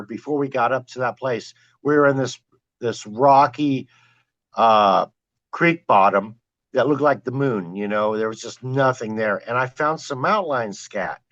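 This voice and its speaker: A man guesting on a podcast, telling his wildlife camera stories in an animated, excited way. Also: mid-range voice, moderate pace, highs cut off. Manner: excited, animated retelling with quoted exclamations. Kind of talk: storytelling in a podcast interview.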